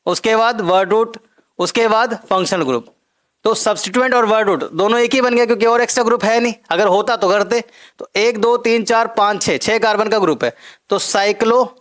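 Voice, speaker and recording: A male chemistry teacher with a notably high voice talks through a recorded lecture. He builds each point step by step, repeats the key terms and keeps checking that his students follow. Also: a bit bright.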